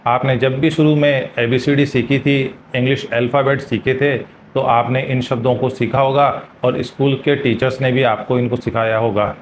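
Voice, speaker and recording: A man's voice: medium pitch, fairly even intonation, moderate pace, hardly any pauses, a little hiss or hum, low-quality recording. Emphatic man teaching pronunciation. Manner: spells words letter by letter and drills repetitions; emphatic, insistent correcting tone. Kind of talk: video lesson.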